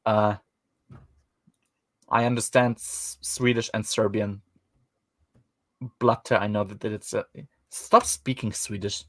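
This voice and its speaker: A man's voice: fairly low pitch, little pitch movement, slow, long pauses, a bit bright, no echo. Podcast host, male, German accent, wry and rambling, dry close sound. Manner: rambling and wry, with many fillers. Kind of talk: casual book discussion.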